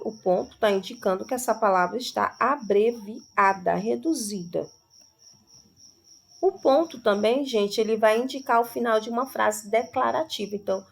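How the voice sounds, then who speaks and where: A woman teacher giving an online grammar lesson, explaining slowly and checking in with her students again and again. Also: on the high side, vocal fry.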